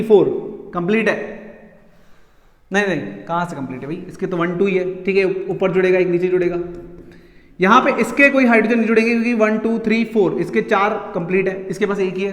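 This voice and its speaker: A man teaching chemistry to school students, talking them through each step and counting atoms aloud. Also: sits high. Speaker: science teacher. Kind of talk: explaining chemistry at a whiteboard. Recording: echoey room, long reverb.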